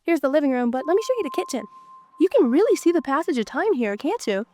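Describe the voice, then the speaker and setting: Fast-talking and very animated, a woman with a high, darkish voice leads a casual tour of an abandoned house as an urban explorer vlogger. A cold has left her congested, yet she chats freely and keeps exclaiming in amazement over slight background noise.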